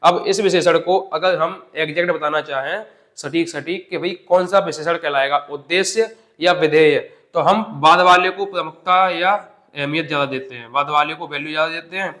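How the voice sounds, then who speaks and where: A man's voice: on the high side, moderate pace, sharp tone. A man teaching an exam-prep grammar lesson step by step, asking questions and answering them himself.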